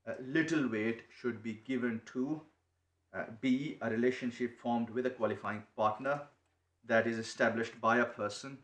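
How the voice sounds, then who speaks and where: A man making a legal submission to appeal judges, halting and restarting often as he speaks. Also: medium pitch, fairly even intonation, a bit bright. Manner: halting, many restarts and repeated words. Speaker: barrister. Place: courtroom. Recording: echoey courtroom, faint noise.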